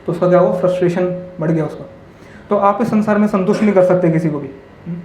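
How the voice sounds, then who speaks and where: Man, spiritual speaker, high voice, parables, audience questions, echoey hall. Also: fast. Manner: asks the audience constant tag questions; tells parables and stories. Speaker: monk speaker. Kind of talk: spiritual talk to a live audience. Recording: echoey hall with faint ambience.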